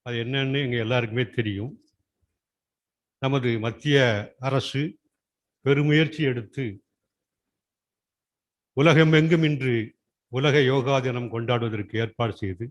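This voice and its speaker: A man's voice: medium pitch, measured pace, pauses often, lo-fi sound. A man giving an explanatory speech at a school yoga day event, posing rhetorical questions and answering them himself. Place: school function.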